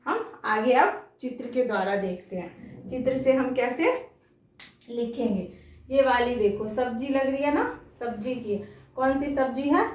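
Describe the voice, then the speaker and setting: A woman teaching children a Hindi lesson, speaking very slowly and patiently in a slightly high voice. She stretches out each syllable and keeps asking questions. She sits back from the microphone in an echoey room. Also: distant mic. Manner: slow, patient, drawn-out syllables with frequent questions.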